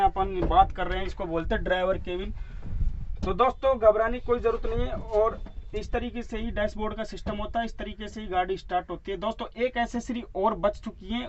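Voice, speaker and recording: A man's voice: sits high, a little mellow, dull audio, a little hiss or hum. A man acting as a driving instructor, giving a hands-on demonstration inside a truck cab, explaining each part step by step and repeating the terms for his viewers.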